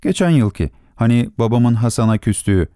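A man's voice: medium pitch, expressive, a little fast, dark tone, dry recording, clean studio sound, close to an everyday voice. A man voicing a frightened, guilty little boy in an audiobook story, pleading in a raised childlike voice. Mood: desperate. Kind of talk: audiobook character voice.

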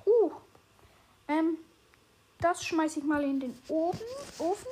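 A woman casually chatting while playing a survival game, excitedly narrating everything she does. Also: extremely high pitch, slow pace, slight background noise. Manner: excitable, narrates her own moves aloud. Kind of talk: casual gameplay chat.

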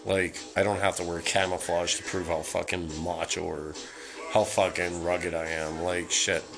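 A solo podcaster with a low voice rants casually over record-player music, heated, rambling and swearing nonstop. He speaks at a moderate pace with little pitch movement and some vocal fry, and the recording quality is low.

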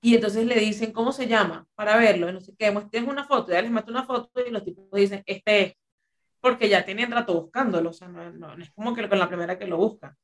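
A woman's voice: mid-range voice, fast. Rambling woman telling a story. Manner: rambling, animated retelling with filler phrases. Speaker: podcast co-host. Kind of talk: casual storytelling chat.

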